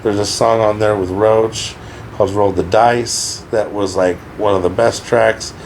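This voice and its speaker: A man's voice: fairly low pitch, steady tone, unhurried, a little hiss or hum, low-quality recording. A man, a rapper guest on a podcast, talking candidly and sombrely in casual conversation and swearing freely.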